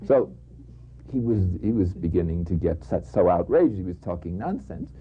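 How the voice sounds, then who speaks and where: A man, a priest, giving a reflective, conversational spiritual talk with stories and soft laughs. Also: low voice, sing-song, normal speed, slight background noise. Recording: slightly dull lo-fi recording.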